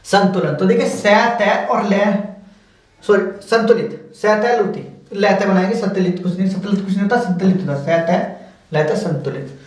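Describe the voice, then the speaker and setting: In a very echoey room with the microphone far off, a high-voiced man teaches shorthand step by step at a moderate pace. He explains patiently and says each word again as he works through the stenography lesson.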